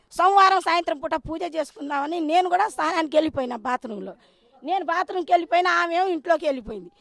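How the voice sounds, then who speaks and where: A woman's voice: extremely high pitch, no echo, studio quality. A middle-aged woman giving an urgent eyewitness account to a news reporter, acting out what people said. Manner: urgent, vivid retelling with voiced quotes. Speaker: villager eyewitness.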